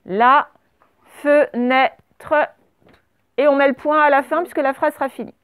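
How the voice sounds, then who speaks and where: A woman teaching a primary class, dictating words slowly and spelling them out letter by letter. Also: high-pitched, little pitch movement, dry recording. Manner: slow, over-articulated dictation of words.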